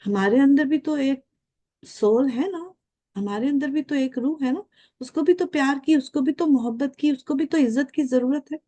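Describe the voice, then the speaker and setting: A woman's voice: high voice, normal speed, dark tone. A woman of nearly sixty, a guest speaker giving an earnest, reflective talk, putting questions straight to the viewers and dropping English phrases into her speech. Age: 50s.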